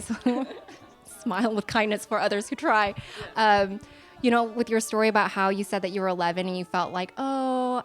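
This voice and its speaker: A woman in her twenties from the United States, a guest in a casual chat, speaking in an earnest, reflective and encouraging way. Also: mid-range voice. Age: 20s.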